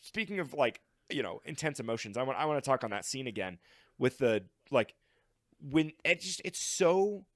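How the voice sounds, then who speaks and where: A man co-hosting a film podcast, talking in a rambling, animated way with lots of fillers and laughs. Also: mid-range voice, normal speed, dry recording, studio quality. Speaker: podcast co-host. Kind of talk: casual film discussion.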